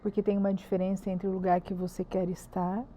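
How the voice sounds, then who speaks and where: As a guest on a podcast, a church ministry leader with a Brazilian Portuguese accent shares her testimony earnestly and emphatically, repeating words to stress them. Her medium-pitched voice is mellow, a little fast, and flat in delivery. The audio has its highs cut off and a little hiss or hum.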